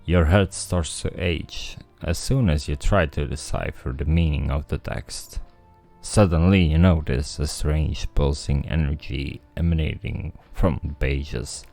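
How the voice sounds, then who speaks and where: With faint music in the background, this male streamer mixes casual commentary with reading the game's story text aloud as he thinks things through. His voice is very deep, creaky, and a little mellow.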